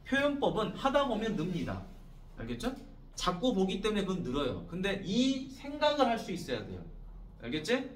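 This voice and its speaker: Animated math teacher in an echoey classroom. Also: male voice, high-pitched, recorded from a distance, a little hiss or hum. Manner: keeps checking in with students, repetitive prompting questions. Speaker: high school math teacher. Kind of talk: classroom lecture.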